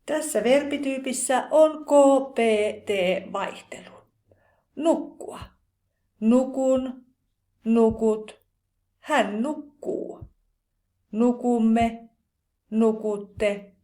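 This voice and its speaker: A woman teaching a language lesson, slowly and deliberately pronouncing verb forms one by one in a scripted grammar drill. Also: a little high, dark tone.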